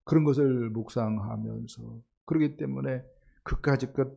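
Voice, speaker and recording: A man preaching a sermon as pastor, asking his congregation rhetorical questions and building to forceful emphasis. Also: medium pitch, moderate pace, creaky. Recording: dull lo-fi church stream.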